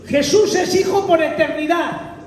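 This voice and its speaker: High-voiced man preaching in an echoey hall. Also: a little slow, recorded from a distance, crowd noise. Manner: emphatic, dramatic retelling, calls on the congregation, bursts into shouts. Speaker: visiting preacher. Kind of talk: animated Bible teaching. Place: church hall.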